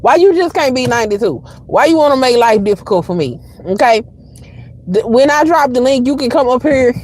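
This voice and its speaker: A woman's voice: on the high side, lively intonation, fairly quick, darkish tone, slightly rough. A middle-aged woman with a Southern drawl, hosting a casual livestream and talking straight to her viewers in a chatty, sassy way. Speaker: livestream host.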